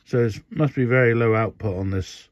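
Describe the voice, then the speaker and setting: At a workbench indoors, an older man walks through a radio mod he's made, a relaxed hands-on demo full of filler words and false starts. He speaks at medium pitch and ordinary speed. The audio has no room sound and comes across as dull, dry, lo-fi phone quality.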